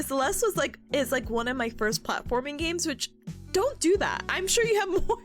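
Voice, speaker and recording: Very high, cutesy young woman streamer. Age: 20s. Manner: cutesy, playful speak with baby-talk words and mild substitute swears; giggly, gushing, excitable. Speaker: VTuber streamer hosting a co-working stream. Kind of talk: casual livestream chat.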